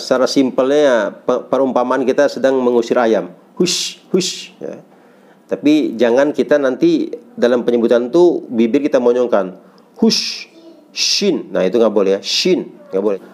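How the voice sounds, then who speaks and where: A man's voice: mid-range voice, darkish tone. A middle-aged Indonesian man teaching Quran letter pronunciation, patiently sounding out syllables again and again for beginners. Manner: patient, repeats syllables slowly for learners.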